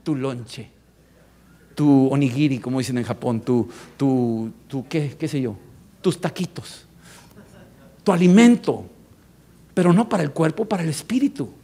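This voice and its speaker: A man with a Mexican accent preaching a sermon as pastor, emphatic, rising to loud peaks and dropping to low tones. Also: expressive, a little slow, pauses often. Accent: Mexican Spanish.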